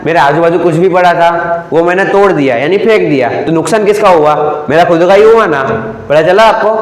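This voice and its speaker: A young man with a Gujarati accent, teaching a class and often repeating himself with quick "क्या?" checks. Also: sits high, roomy sound, rough recording. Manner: repetitive, keeps asking the class "क्या?" then repeats the answer. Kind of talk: classroom lecture explaining a chapter.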